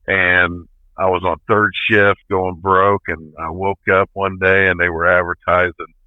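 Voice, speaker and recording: A plain-spoken, folksy truck driver in his fifties casually tells stories during an interview. His low voice holds a level tone at a slightly slow pace, with no echo. The line sounds tinny, like a phone.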